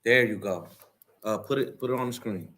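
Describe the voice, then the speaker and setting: A man's voice: on the low side, a little fast, bright, forceful tone. A man hosting a religious commentary stream, preaching and mocking the clips he has his co-host play.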